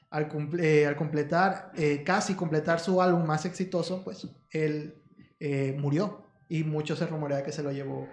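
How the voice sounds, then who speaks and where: Un hombre que cuenta una historia de forma pausada durante una charla informal. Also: male voice, on the high side, roomy sound. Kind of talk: casual podcast discussion.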